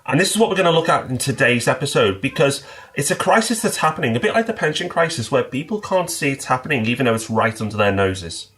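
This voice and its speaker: Male co-host, measured explainer, mid-range pitch, conversational podcast delivery. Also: very animated, fairly bright tone. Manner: measured, explanatory, with small restarts. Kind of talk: casual podcast discussion.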